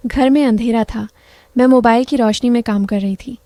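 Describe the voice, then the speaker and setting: Soft-voiced woman narrating intimately. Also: fairly high pitch, steady tone, moderate pace, no room sound. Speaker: storyteller. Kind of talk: emotional first-person story narration.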